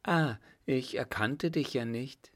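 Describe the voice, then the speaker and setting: A man's voice: mid-range voice, takes it slowly, lightly acted. A man voicing an anxious, loving young woman in a storybook reading. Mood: anxious, tender.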